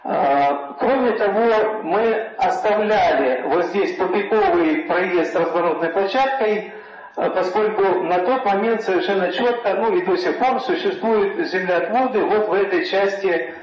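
A man presenting project slides at a council meeting as an architect, in a halting, explanatory way. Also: high-pitched. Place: meeting room, recorded on a dictaphone. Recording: very echoey, muffled dictaphone recording.

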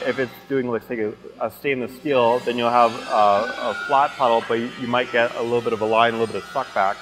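A man with a Canadian accent talks a viewer through the welding work in an industrial shop, steady and informal, full of restarts and "uh"s. His voice sits at an ordinary middle pitch. Music plays clearly beneath the commentary. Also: rough recording. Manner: informal, with fillers and restarts, explaining a process step by step. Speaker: shop expert explaining welding. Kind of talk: unscripted technical commentary. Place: large industrial fabrication shop, indoors. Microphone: handheld or lapel mic. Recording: background music under voice.

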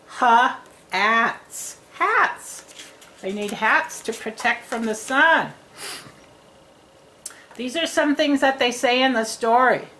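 A woman reading teacher giving a lesson to young children at a tabletop, speaking in a slow, encouraging way and sounding words out. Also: a little high, pushed and bright, a little hiss or hum. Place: indoors at a tabletop.

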